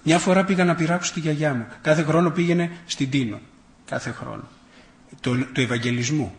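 Fervent man preaching with higher pitch. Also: roomy sound. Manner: emphatic, builds long rhetorical lists with rising intensity; folksy, tells personal anecdotes with self-irony. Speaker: priest. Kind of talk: sermon.

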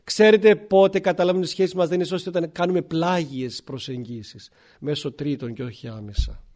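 A male priest delivers a sermon in a fairly high voice. He walks through scripture with rhetorical questions and clears his throat often as he talks. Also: a little mellow.

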